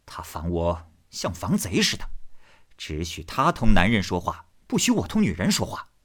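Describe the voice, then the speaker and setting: A man's voice: sits low, slightly rough, heavily acted. A man playing a lustful, petulant young nobleman who wheedles and blusters.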